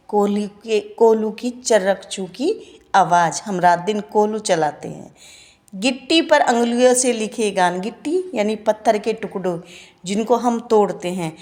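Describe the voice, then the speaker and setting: A woman's voice: medium pitch, a little mellow. A woman teaching a class, reading poem lines with rising emphasis and then explaining them plainly. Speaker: Hindi teacher.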